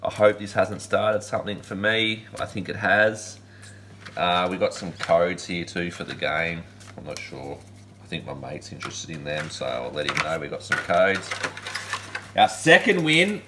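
A man's voice: sits low, expressive, measured pace, background noise. A man, hosting a casual unboxing chat, upbeat and rambling with laid-back slang. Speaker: collectibles channel host. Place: indoor room lined with collectible shelves.

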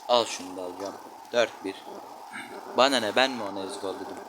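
A gaming channel host with a low voice talks fast in casual slang while playing a football video game indoors, grumbling and exclaiming at every play. The background is noisy, with children shouting outside.

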